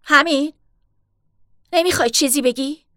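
A woman voicing an angry young woman who shouts at her sister in a storybook reading. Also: no room sound, studio quality. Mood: shouting. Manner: loud, high and shouting.

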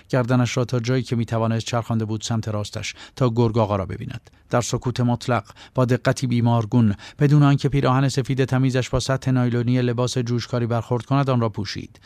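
A man narrating a story as an audiobook, in a measured and unhurried way. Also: medium pitch, a little mellow, dry recording.

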